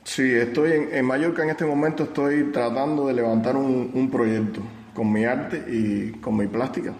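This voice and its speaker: A middle-aged Cuban man, an artist and art teacher, answering radio interview questions in a relaxed, hesitant way with frequent restarts. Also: medium pitch, normal speed, slight background noise. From Cuba. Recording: echoey room with long reverb.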